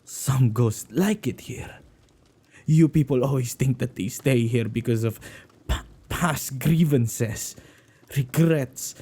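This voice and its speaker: In an ASMR roleplay, a man voices a playfully menacing, possessive male witch, his medium-pitched voice dark, gravelly, and husky, often sinking into whispers. He sounds irritated yet teasing and unhurried, drawing out words and repeating himself hesitantly.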